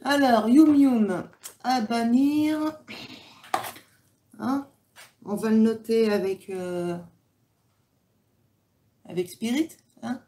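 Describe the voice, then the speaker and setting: A woman's voice: a little high, very slow, long pauses, warm tone, a little hiss or hum. A woman from France, chatting casually with viewers on her livestream, rambling with many fillers. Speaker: livestream host. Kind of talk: casual live chat reading comments.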